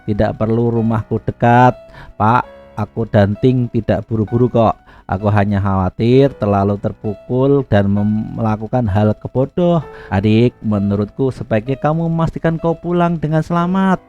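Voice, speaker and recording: A man's voice: lowish voice, moderate pace, mellow, close to an everyday voice. A man voicing a broke young man who was just dumped, talking politely but with a needling edge, over faint music. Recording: slightly dull, faint music behind.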